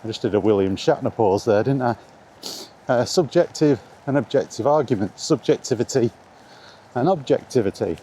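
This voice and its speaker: A middle-aged British man rambles through a casual video game vlog while walking in the rain, sharing his views informally with a bit of mild swearing. His voice is medium-pitched, expressive and dark-toned at a normal speed. Outdoor ambient noise is faint.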